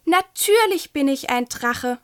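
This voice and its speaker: A woman's voice: high-pitched, lively intonation, takes it slowly. Woman reading as small hissing dragon boy.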